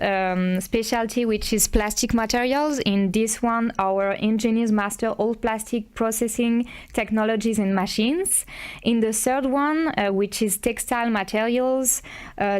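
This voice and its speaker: A woman, head of international relations, explaining her school in a live online session with measured pauses. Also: fairly high pitch, clear, resonant tone. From France.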